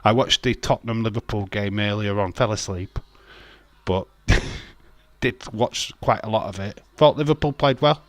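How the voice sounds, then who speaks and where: A middle-aged Yorkshireman hosts a casual watch-along stream, chatting loosely, reading viewer comments, and laughing often between rambling restarts. His voice is lowish and a little slow, with no room sound.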